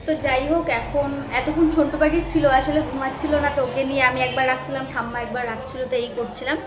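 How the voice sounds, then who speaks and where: A young woman, hoarse from a cold, chatting casually through her daily vlog. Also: high-pitched, level tone, quick pace. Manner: chatty, breezy running commentary. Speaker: vlogger. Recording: noisy home and street ambience.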